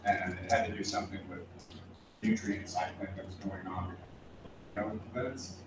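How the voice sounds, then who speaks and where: A man answering an audience question, explaining ecology in a halting way with restarts. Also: low-pitched. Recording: echoey, distant, noisy room.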